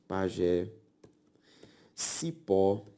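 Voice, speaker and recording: Animated Brazilian grammar teacher lecturing. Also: male voice, low-pitched. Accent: Brazilian Portuguese. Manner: explains slowly, repeats key words, checks understanding often. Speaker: Portuguese grammar teacher for exam prep. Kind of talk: classroom lecture.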